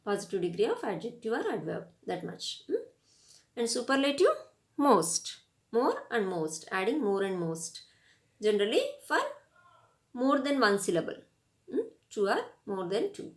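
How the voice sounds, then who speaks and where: A woman's voice: fairly high pitch, big pitch swings, moderate pace, long pauses. Indian woman teaching English grammar. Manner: spells words letter by letter, repeats word lists. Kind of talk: classroom grammar lecture.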